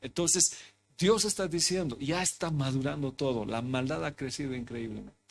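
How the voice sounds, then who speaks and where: This man is a pastor delivering an interactive sermon in a church hall, where he keeps asking the congregation questions and repeating phrases. He has a gravelly, mid-range voice and speaks at normal speed.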